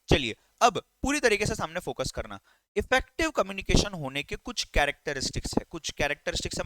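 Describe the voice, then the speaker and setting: A male teacher with a high, bright voice that swings widely as he lectures. He checks in with his listeners often, asking whether they follow. It is recorded close and dry, with no room sound. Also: dry recording, poor audio. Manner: animated, keeps checking understanding with quick questions.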